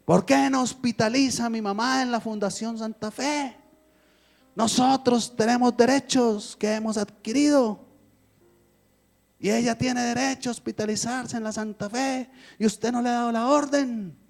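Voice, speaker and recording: Pastor doing an irate son on the phone, high and yelling. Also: male voice, fairly even intonation, moderate pace, vocal fry, soft background music. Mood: furious. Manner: shouting, accusing. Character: angry grown son shouting down the phone.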